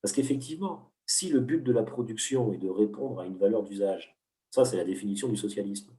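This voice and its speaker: The recording is roomy and far off, catching a man with a fairly low, mellow voice that runs a little fast. An economics teacher, he explains concepts patiently in an interview, with a didactic manner and frequent restarts and hesitations.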